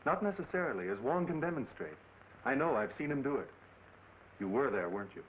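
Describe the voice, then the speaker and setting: A man's voice: mid-range voice, very animated, a little fast, close to an everyday voice. Man acting an earnest lawyer, tinny vintage film. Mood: reasoning, firm. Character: earnest, cautioning male lawyer in a crime film. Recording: tinny, hissy old film soundtrack.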